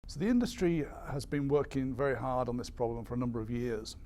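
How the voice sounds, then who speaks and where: A man giving an explanatory briefing as an industry spokesperson, measured but hesitant, with frequent ums and repeated words. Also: mid-range voice, darkish tone. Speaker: airline industry association spokesperson.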